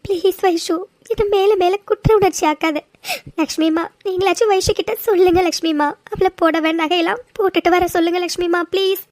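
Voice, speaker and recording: A woman's voice: very high voice, steady tone, brisk, a little mellow, dry recording, studio quality. A woman voicing a tearful, pleading young woman. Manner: pleading, crying. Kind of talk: cartoon voice acting.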